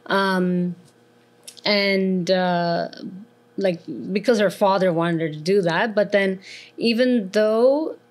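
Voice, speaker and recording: A woman's voice: medium pitch, takes it slowly. A young woman, a performer, answering as a guest in a casual interview, with many hesitant fillers.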